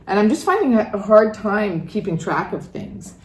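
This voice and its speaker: A woman's voice: medium pitch, very animated, moderate pace. Chatty older woman in an echoey room. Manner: chatty, thoughtful, explains her process. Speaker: co-host. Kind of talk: casual craft chat.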